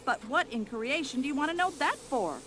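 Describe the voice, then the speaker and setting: A bossy older American widow, her voice high and bright as it swings up and down through every complaint. She talks loudly with a sharp tongue, nosy and easily offended, in a game mystery. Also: animated, fairly quick, a little hiss or hum. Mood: gossipy. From United States. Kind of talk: video game voice acting.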